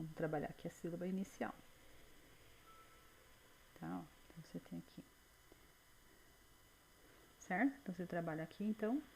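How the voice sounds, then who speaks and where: A woman teaching a screen-recorded software tutorial in a chatty way, full of diminutives and check-ins with the viewer. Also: lowish voice, gravelly, slight background noise, poor audio.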